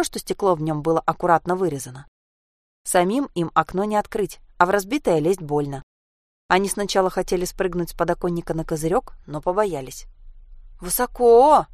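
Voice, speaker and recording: Low-voiced woman reading a story. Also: no echo, clean studio sound. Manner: even, storytelling narration. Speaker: narrator.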